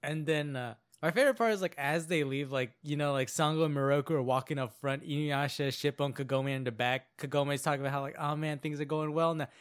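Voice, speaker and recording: A man's voice: medium pitch, fairly even intonation, quick pace, hardly any pauses, clear, resonant tone. A man casually recapping anime episodes as a podcast co-host, telling it loosely with lots of "like" and fillers. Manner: casual storytelling with many fillers and playful quoted voices.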